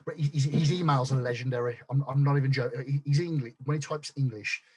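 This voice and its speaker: A man telling his story as a guest on a podcast, blunt and quick to swear, tripping over restarts. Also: medium pitch, steady tone, a little mellow, breathy edge. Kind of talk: casual chat.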